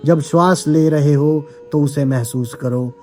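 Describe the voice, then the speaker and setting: A man giving a calm, measured devotional discourse as a spiritual teacher, speaking directly to seekers. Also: on the high side, soft background music.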